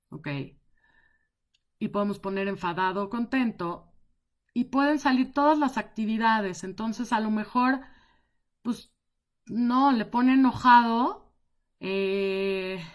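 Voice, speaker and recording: A woman explaining visual schedules on a live stream, in a conversational way with frequent repetition and check-ins. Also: medium pitch. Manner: conversational, repeats words and checks in with "ok". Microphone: device mic on a live stream.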